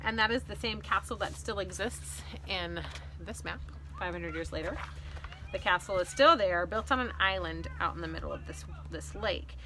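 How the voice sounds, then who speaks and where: A fantasy author, a woman in her thirties or forties, addresses viewers in her own casual, expressive explanatory vlog. Her pitch is medium and her pace moderate, and faint ambient noise sits underneath.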